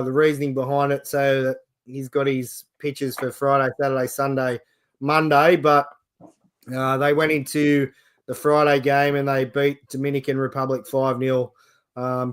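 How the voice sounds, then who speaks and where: A man's voice: mid-range voice, clean tone. A man with an Australian accent hosting a casual sports chat show.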